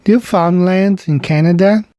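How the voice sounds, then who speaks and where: A channel host whose first language is Portuguese talks slowly in a mellow, high-sitting voice during a casual screen-share explainer. He meanders as he points things out on screen, and there's no room sound.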